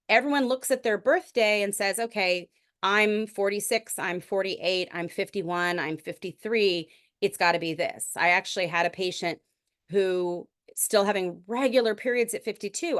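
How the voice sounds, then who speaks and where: A middle-aged woman physician giving a lecture in a conversational, explanatory way, with frequent restarts. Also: mid-range voice. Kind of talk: recorded medical lecture.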